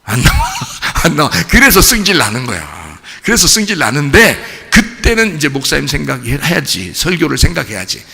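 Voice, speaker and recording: A man preaching a sermon as pastor, colloquial and animated, often asking his congregation questions. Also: a little high, moderate pace, vocal fry, hardly any pauses, big-room sound. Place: church sanctuary.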